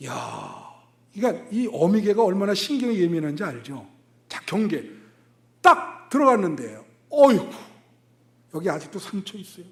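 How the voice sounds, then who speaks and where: Animated high-voiced pastor telling a story. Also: male voice, normal speed. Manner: lively, animated storytelling with sudden loud bursts and asides to the congregation. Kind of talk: sermon with storytelling.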